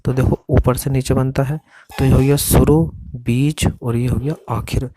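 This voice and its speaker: A man's voice: medium pitch, fairly even intonation, moderate pace, mellow. A man teaching a shorthand lesson step by step, patiently explaining each stroke and repeating how to read it. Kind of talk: step-by-step classroom instruction.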